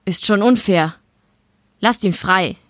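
A woman voicing a smug older male mafia boss with a calm, menacing manner. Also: medium pitch, slow, no echo, studio quality, close to an everyday voice.

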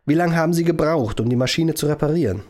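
A man voicing an irritable male professor who invented a time machine, talking in a sharp, lecturing, commanding way. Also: fairly high pitch, quick pace, pitched above the performer's own voice, lightly acted.

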